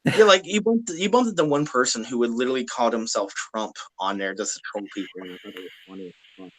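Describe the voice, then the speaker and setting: A man's voice: mid-range voice, expressive, fast talker, poor audio. A man chatting casually on a live stream, blunt and profane, laughing often.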